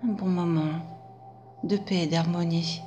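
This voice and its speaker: Slow half-whispering woman hypnotist. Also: fairly low pitch, fairly even intonation, soft background music. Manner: soft, half-whispered, drawn out. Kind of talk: guided hypnosis session.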